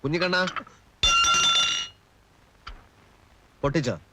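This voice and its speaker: An actor playing a confident young male lawyer who speaks calmly and with dry, gentle sarcasm. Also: on the high side, very noisy, natural voice. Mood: sarcastic. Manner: calm, measured, gently sarcastic. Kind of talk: film acting.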